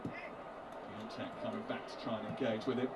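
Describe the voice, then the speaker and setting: A man doing live play-by-play football commentary on TV, calmly naming players as the play moves. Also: on the low side, normal speed. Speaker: TV match commentator. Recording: distant broadcast audio with loud noise.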